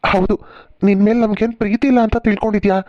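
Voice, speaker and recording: A woman's voice: medium pitch, fairly even intonation, fast talker, no echo, muffled recording, close to an everyday voice. A woman voicing a family member in a cartoon serial, scolding and then reassuring. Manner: scolding, questioning.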